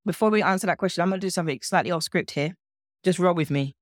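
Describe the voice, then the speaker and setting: Woman, nutrition coach guest, playful and animated, restarts words, low pitch. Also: racing, no room sound, clean studio sound. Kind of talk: casual interview chat.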